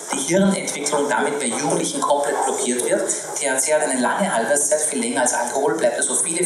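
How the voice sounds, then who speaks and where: An emphatic, fast-talking man in his forties, a physician from Iran, argues his point on a panel stage. The sound is roomy and echoing, picked up from some distance. A live audience is heard around him. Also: mid-range voice. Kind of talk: public panel debate. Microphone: handheld mic. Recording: echoey room, mic heard from a distance, audience noise.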